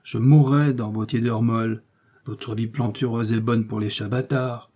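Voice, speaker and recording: A man's voice: mid-range voice, fairly even intonation, moderate pace, dark tone, lightly acted. A man voicing a lean, proud stray tomcat who speaks curtly and with scorn in a storybook reading. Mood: scornful. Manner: curt and scornful.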